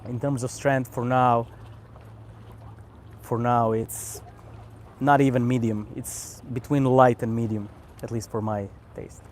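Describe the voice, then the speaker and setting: Man, croatian accent, casual live-stream chat, relaxed, faint outdoor boat noise. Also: medium pitch. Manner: relaxed, unhurried, repeats words while thinking. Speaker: cigar channel host. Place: outdoors on a vacation island by the sea.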